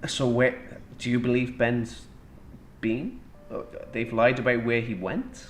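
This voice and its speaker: A man's voice: mid-range voice, flat delivery, unhurried, soft background music. A man hosting an improvised comedy radio show, playfully questioning guests with mock disbelief. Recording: roomy echo, faint background noise.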